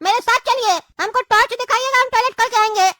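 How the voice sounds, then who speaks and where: Very high-voiced whiny woman. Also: fast, sharp tone, dry recording, clean studio sound. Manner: whiny, complaining. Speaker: younger brother character in a comedy sketch. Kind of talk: scripted comedy sketch.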